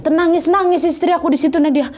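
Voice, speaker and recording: A woman's voice: very high-pitched, fairly even intonation, fast talker, a little mellow. A woman telling a story in a chatty, casual way while eating, often turning to talk to her listener. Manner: chatty, addresses listener directly.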